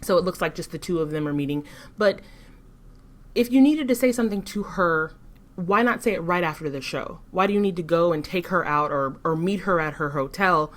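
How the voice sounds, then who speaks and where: Woman on a podcast, lower voice, critical and measured, lots of restarts. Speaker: podcast co-host. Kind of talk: casual discussion.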